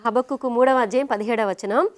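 A woman hosting a Bible study discussion in a high, clear voice. She reads scripture in a slow, measured way and nudges the talk along with brief affirmations. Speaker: host.

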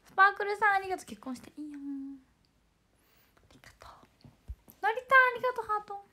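Hoarse high-voiced young woman streaming. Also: animated, fast. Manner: drops into breathy whispers between bright greetings. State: hoarse, voice worn out. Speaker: idol livestream host. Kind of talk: casual livestream chat reading fan comments.

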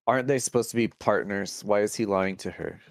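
With a lowish, gravelly voice and a fairly quick delivery, a man co-hosts a let's play, tossing out sarcastic comments and reading the game's text aloud as casual commentary. Game music runs behind him, and the recording is dry and of studio quality.

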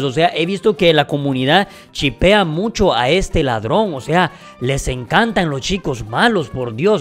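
A man reacting to a video game in casual, excitable commentary that he talks straight to his viewers. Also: on the high side. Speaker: gaming video creator.

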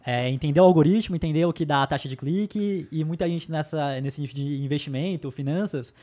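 A young Brazilian man co-hosting a podcast, explaining in a matter-of-fact way. He talks quickly, and his voice is slightly high. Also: mellow. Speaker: podcast co-host. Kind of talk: casual podcast chat.

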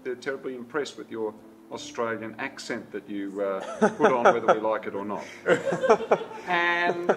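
A man serves as emcee, teasing in easy stage patter. An audience is clearly audible around him. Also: medium pitch, lively intonation, unhurried, a crowd in the background.

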